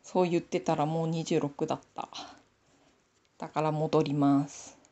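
A woman's voice: low-pitched, level tone, moderate pace, warm tone. A woman with a Nanbu Aomori accent, chatting casually to herself while knitting a sock on camera. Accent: Nanbu dialect of Aomori. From Aomori, Japan. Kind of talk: casual knitting tutorial chat.

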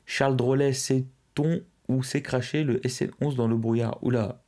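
A man's voice: medium pitch, steady tone, normal speed, dark tone. A young man hosting a live stream, casually chatting and reading out viewers' messages. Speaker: livestream host. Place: indoors, at a streaming desk.

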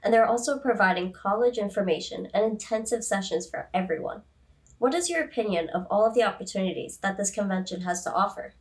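A teenage girl hosts a student podcast, reading her lines with upbeat energy. Her voice sits at a middle pitch. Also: lively intonation, a little fast. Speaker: podcast host. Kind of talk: scripted podcast interview.

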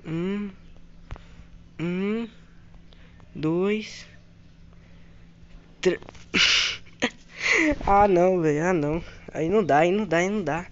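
A man with a Brazilian Portuguese accent doing let's-play commentary, excitably narrating his own moves to viewers and repeating phrases over and over. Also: high voice, slow, long pauses, dull audio, a little hiss or hum. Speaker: gaming channel host.

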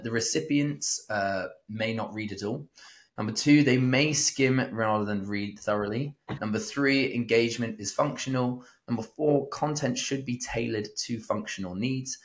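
A man's voice: on the low side, moderate pace. A man co-hosting a book summary, reading out points and then chatting casually. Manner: reads lists plainly, then chats casually. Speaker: podcast co-host.

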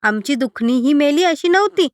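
A sharp-tongued older mother-in-law mutters and scolds without pause, voiced by a woman reading the story. Her complaints come high-pitched and grumbling. The recording is dry and close. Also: lively intonation, dry recording.

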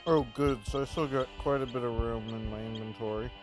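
Guy chatting over a video game, rambly, medium pitch, game music behind. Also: fairly even intonation, brisk. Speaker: gaming let's play host. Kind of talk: casual let's play commentary. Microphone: phone recording.

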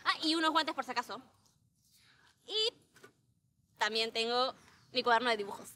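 A playful, chatty young Peruvian woman in a TV comedy-drama. Her voice is very high and bright, recorded outdoors with faint noise around it. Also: animated, normal speed. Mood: cheerful, chatty. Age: 20s. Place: outdoors in a park.

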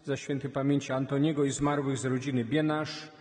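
A man, a priest reading the Gospel and leading the prayers at Mass in a steady liturgical way. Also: medium pitch, fairly quick. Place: large church. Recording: long church reverb.

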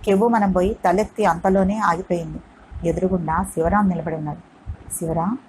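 A woman's voice: on the low side, steady tone, brisk, darkish tone, a little hiss or hum, low-quality recording. Woman narrating a novel. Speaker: audiobook narrator. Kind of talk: reading a novel aloud.

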